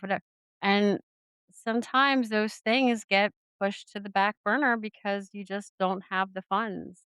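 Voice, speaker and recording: Chatty podcast woman, smooth and dry. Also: medium pitch, a bit bright, dry recording. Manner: rambling, lots of fillers and restarts, giggly asides. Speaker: podcast co-host. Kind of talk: casual chat.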